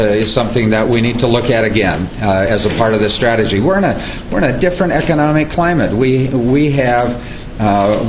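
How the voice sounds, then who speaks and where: A man running for office, answering reporters in an earnest, measured, halting way. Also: mid-range voice. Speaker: political candidate. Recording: echoey, muffled, noisy room.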